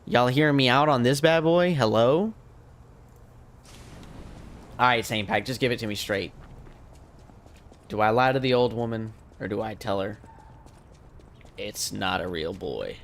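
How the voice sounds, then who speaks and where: There are long pauses as a man from the United States, a streamer and language teacher, chats casually with viewers during a late-night gaming stream. His mid-range voice moves at a moderate pace; he's tired, losing his voice, and rambling, with a little hiss or hum in the audio.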